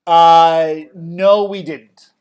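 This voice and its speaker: Male instructor, a touch high-voiced, casual and talkative, walking a class through software. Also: steady tone, drawn-out words, clean tone. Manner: chatty, checks in with "okay?" often. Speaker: college theater design instructor.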